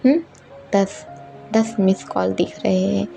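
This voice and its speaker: A woman voicing a young woman who is upset that her girlfriend ignored her calls, firing off sharp, quick reproachful questions. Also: medium pitch, steady tone, creaky, faint music behind. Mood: angry.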